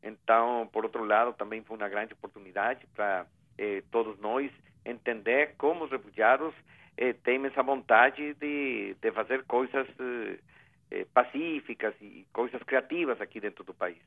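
A refugee agency representative speaks earnestly in a phone interview, his mid-range voice at a moderate pace, full of hesitations and restarts. It comes through a telephone on a tinny line.

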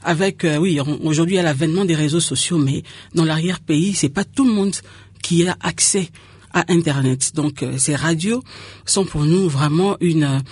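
A woman's voice: low voice, moderate pace, a little mellow, slightly rough, no room sound. A woman, explaining and repeating words in a conversational radio interview. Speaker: radio community liaison officer.

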